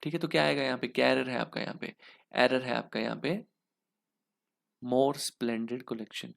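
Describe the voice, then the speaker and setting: Speaking a little slowly, the young teacher has a medium-pitched, gravelly voice with a touch of brightness and fairly even intonation. In Hinglish and with an Indian English accent, he goes through exam answers one step at a time, asking and then answering his own questions.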